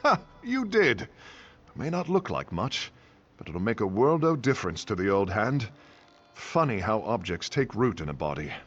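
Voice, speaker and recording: An actor playing a gruff old fisherman in a video game, musing and wistful. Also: fairly low pitch, very animated, normal speed. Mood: grateful, wistful. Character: gruff old sailor questgiver, grateful and wistful. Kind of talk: video game character acting. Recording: muffled game audio with music behind. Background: game music.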